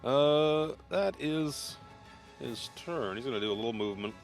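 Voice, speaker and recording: A man's voice: medium pitch, expressive, unhurried, gravelly, faint music behind. A man speaking casually as the game master of a tabletop role-playing session, explaining rules and calling turns.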